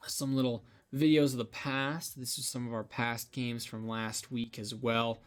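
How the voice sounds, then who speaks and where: A man's voice: medium pitch, level tone, measured pace, clear, resonant tone, soft background music. A young man casting a college esports match in casual, rambling commentary, sleepy and yawning, with lots of fillers and restarts. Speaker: esports caster.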